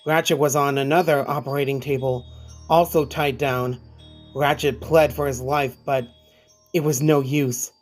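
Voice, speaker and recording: A man's voice: medium pitch, fairly even intonation, a little slow. A man reading a scripted creepypasta as narrator, with music playing behind him. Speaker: horror story narrator. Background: background music.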